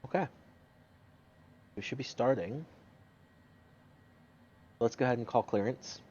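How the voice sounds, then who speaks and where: A man's voice: medium pitch, measured pace, a little mellow, slightly rough. A man giving casual, offhand commentary while playing a flight simulator. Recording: dull audio, cockpit engine noise.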